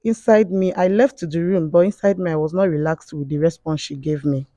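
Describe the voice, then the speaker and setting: A woman telling a personal story as a confessing guest, halting often with fillers and restarts. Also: lowish voice, steady tone, dark tone, dry recording. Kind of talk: emotional spoken testimony.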